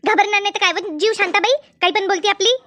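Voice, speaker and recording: In a cartoon comedy, a woman voices an excitable, easily frightened village woman who chatters and repeats herself in a rural Maharashtrian Marathi accent. Her voice is very high-pitched and fast, and she sounds flustered.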